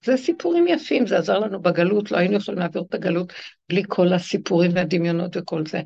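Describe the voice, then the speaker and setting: In a spiritual lecture to her class, a woman religious teacher emphatically retells stories, acting out the people in them with sudden high swings. Her voice has vocal fry and a darkish tone, captured in a dull lo-fi recording.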